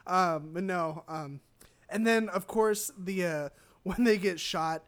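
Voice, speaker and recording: A man's voice: high-pitched, takes it slowly, a bit bright. A young man co-hosting a podcast in casual chat, rambling and stammering with frequent laughs and casual swearing. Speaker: podcast co-host.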